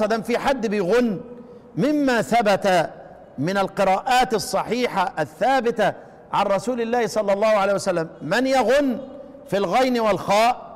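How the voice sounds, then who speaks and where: A man with an Egyptian accent teaching a lesson on Quranic readings, asking rhetorical questions and slowly chanting the example phrases. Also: high voice, big-room sound. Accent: Egyptian Arabic. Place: class with students.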